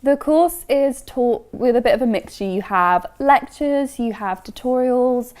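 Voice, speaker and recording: Young woman explaining, measured. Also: a little high, lively intonation, a little mellow. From Essex, England. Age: young adult. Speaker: university student. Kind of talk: casual interview testimony.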